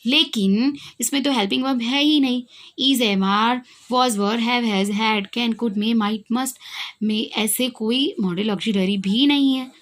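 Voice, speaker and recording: A woman's voice: on the high side, slow pace. A young woman with an Indian accent teaching an English grammar lesson, asking her students questions and answering them herself. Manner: asks questions and answers them herself, repeats key points.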